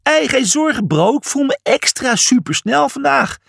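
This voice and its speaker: A man's voice: very high voice, animated, normal speed, vocal fry, fairly bright tone, breathy edge, dry recording, clean studio sound, pitched above the performer's own voice, exaggerated voice. A man voicing a reckless, cheerful young male zebra who brags and whoops. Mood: rowdy excited. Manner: wild and boastful, whooping.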